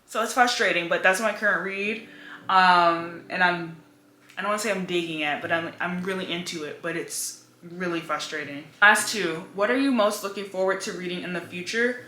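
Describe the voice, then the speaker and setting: A woman's voice: fairly low pitch, moderate pace, sharp tone. Chatty young woman, echoey room. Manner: chatty, lots of "like" fillers. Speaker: book vlogger. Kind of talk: casual chat. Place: home room by a bookcase. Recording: echoey room with faint music.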